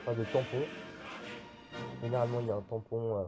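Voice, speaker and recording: A man's voice: mid-range voice, flat delivery, a little fast. Young guy doing an unboxing, kinda hesitant, lots of ums, music playing behind. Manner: hesitant, many "euh" fillers. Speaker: YouTuber unboxing militaria. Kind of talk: casual unboxing vlog. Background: background music.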